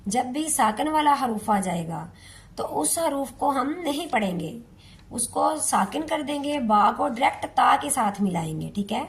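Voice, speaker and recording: A woman teaching Quran recitation to beginners, patiently repeating and stretching each syllable in a slow step-by-step lesson. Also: fairly high pitch, lively intonation, creaky.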